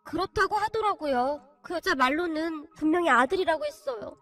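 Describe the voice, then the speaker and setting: A woman tells a first-person life story for a radio-style channel, confiding and emotional in a scripted reading. Her voice is very high, with soft music in the background. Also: animated, a little fast.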